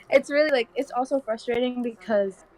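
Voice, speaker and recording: A woman's voice: on the high side, a little slow, poor audio. A nineteen-year-old woman from the Dominican Republic, chatting as a guest on a live stream in a slangy, rambling way full of "like". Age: young adult, 19. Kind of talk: casual chat on a live stream.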